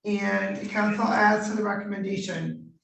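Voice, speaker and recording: A woman judge conducting formal court proceedings in measured, procedural questions, heard on a courtroom recording. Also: medium pitch, steady tone, creaky. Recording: roomy courtroom audio from a distant mic.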